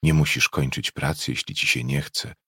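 A man voicing an old, grim but protective enslaved African woman in a slow, hushed whispered role-play. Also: very deep voice, slightly rough, no room sound, clean studio sound, heavily acted. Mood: tender.

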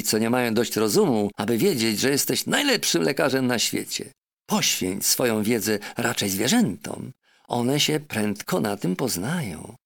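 A man voicing a shrill, proud, know-it-all female parrot in a storybook reading. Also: creaky, full character voice. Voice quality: shrill, squawky. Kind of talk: audiobook character voice.

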